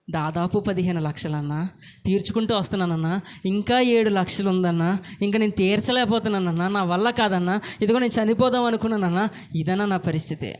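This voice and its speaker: A man with a high voice preaches from his own life. He tells the story earnestly, taking on the voices of the people in it as he goes. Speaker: pastor. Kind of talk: sermon testimony.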